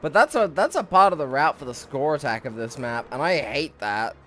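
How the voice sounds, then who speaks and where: A man's voice: mid-range voice, expressive, a little fast, fairly bright tone, faint music behind. A young man giving casual live commentary on his gameplay, rambling and swearing, a bit out of breath. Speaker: streamer.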